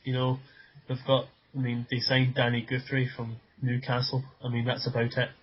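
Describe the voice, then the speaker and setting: A man's voice: mid-range voice, completely flat delivery, moderate pace. Man, football podcast co-host, stumbling repeats, dull muffled recording. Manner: repeats words as he starts sentences. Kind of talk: casual football podcast chat.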